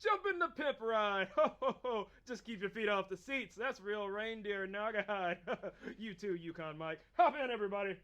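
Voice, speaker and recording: Casting: male actor as brash jolly Santa, high and forceful, hearty holiday comedy sketch. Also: normal speed, hardly any pauses. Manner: booming, hearty ho-ho-ho delivery.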